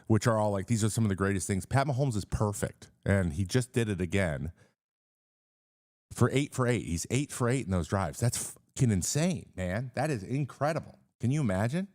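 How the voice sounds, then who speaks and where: A man's voice: low-pitched, darkish tone, dry recording, studio quality. A man in his thirties hosting a casual sports live stream, rambling with fillers and restarts and greeting viewers in the chat.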